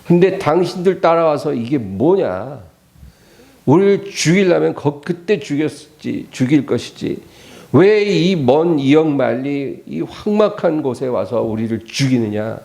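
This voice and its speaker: A male pastor acting out a bitter Israelite man who grumbles and accuses his leaders, in a whiny, drawn-out way, with a gravelly voice. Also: a little high, lively intonation, a little mellow. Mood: bitter complaint.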